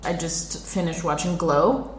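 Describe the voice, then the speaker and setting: A young adult woman in casual chat, talkative and quick to laugh. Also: lowish voice. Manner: chatty, laughs often, animated. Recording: echoey room, faint background noise.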